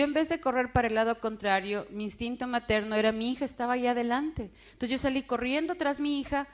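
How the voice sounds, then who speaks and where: A woman in her forties giving an emotional personal testimony, acting out the voices of people she quotes. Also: medium pitch. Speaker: testimony speaker.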